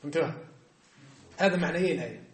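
A man's voice: fairly high pitch, very fast. A man teaching a religious text class, explaining verses and often asking his students whether they have understood. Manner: lively, quizzes students often. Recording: echoey classroom.

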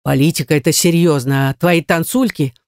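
A reader voicing an angry, domineering young politician who talks in a curt, scornful way. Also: male voice, fairly high pitch, steady tone, brisk, dry recording, studio quality, natural voice.

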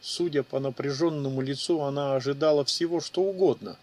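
Male audiobook narrator: steady, even fantasy reading, slightly raised pitch. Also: brisk, no echo. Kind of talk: scripted narration of fantasy fiction.

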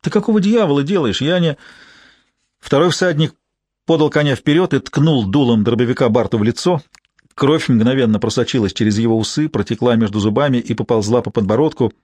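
A man narrating an audiobook in a measured, even storytelling manner. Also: mid-range voice, dry recording. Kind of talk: scripted narration.

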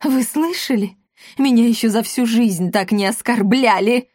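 A woman's voice: mid-range voice, lively intonation, normal speed, darkish tone, dry recording, clean studio sound, natural voice. A woman reading aloud, voicing a pompous, vain aging male governor with a smug, insinuating manner. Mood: outraged.

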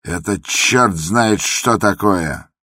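A man voicing a frantic, furious male asylum patient who shouts hoarsely, in a radio drama. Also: sits low, very animated, slow pace, dry recording, clean studio sound, heavily acted. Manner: shouting, raging.

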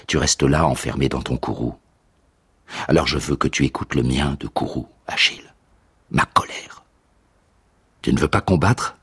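A man's voice: very deep voice, a bit bright, slightly rough, exaggerated voice. A man voicing an anguished young male warrior who pleads urgently, in a radio drama.

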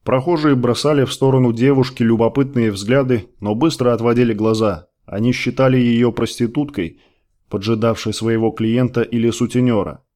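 A man narrating a science fiction novel as an audiobook, in a calm, even storytelling manner. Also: medium pitch, moderate pace. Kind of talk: scripted narration.

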